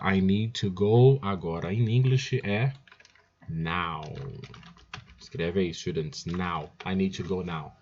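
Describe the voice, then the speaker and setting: A man's voice: deep voice, a little mellow, lo-fi sound, a little hiss or hum. A man with a Brazilian Portuguese accent teaching English, drilling each phrase by repeating it and often calling out to his students. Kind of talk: recorded language lesson.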